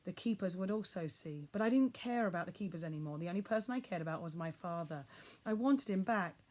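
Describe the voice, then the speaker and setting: Expressive woman reading a children's story. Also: on the low side, fast. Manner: expressive, builds suspense. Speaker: audiobook reader. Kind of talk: reading a children's novel aloud.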